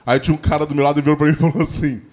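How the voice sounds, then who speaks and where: Fast-talking stand-up comedian, high voice. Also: male voice, heavy background noise. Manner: fast, animated storytelling with acted-out quotes. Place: comedy stage before a live audience. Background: audience laughter.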